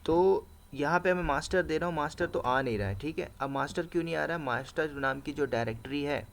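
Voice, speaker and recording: A man's voice: a little high, brisk, gravelly. A man teaching a live command-line class, explaining each step and checking in with "right?" and "okay" as he types. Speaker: instructor. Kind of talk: live screen-share coding class.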